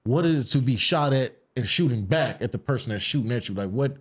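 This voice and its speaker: A man hosting a podcast, asking quick, casual questions and repeating himself as he talks. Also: mid-range voice, lively intonation, slightly rough. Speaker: podcast host. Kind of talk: casual interview chat.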